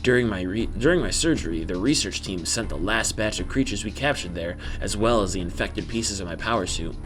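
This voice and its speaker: A man's voice: lowish voice, animated, a little fast, a bit bright. A man voicing a solemn female bounty hunter narrating game story, in stilted amateur bad acting. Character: solemn female space bounty hunter recounting her past.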